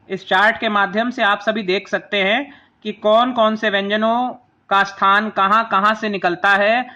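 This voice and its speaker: A man teaching a grammar lesson in a high, very bright and ringing voice. He walks through a chart patiently, spelling out each sound slowly one by one. He keeps inviting the listeners to say the sounds along with him. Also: muffled recording. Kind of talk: classroom lesson explaining a chart.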